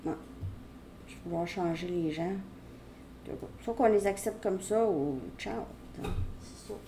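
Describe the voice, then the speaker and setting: A woman's voice: lowish voice, slow, mellow, slight background noise. A woman giving a casual tarot reading, rambling as she talks straight to the viewer. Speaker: tarot reader.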